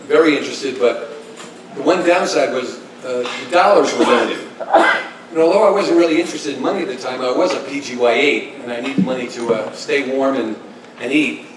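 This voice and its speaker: A man in his sixties giving a tribute speech, telling stories with chuckles and halting restarts. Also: medium pitch, background noise. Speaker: speaker giving a tribute talk. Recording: echoey room, distant mic, kitchen clatter.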